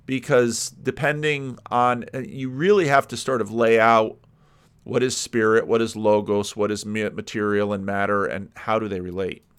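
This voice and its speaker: A man with a low voice gives casual commentary on a sermon he is playing. He muses aloud, hedging his points with "sort of" and "you know". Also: level tone, normal speed, fairly bright tone, clean tone.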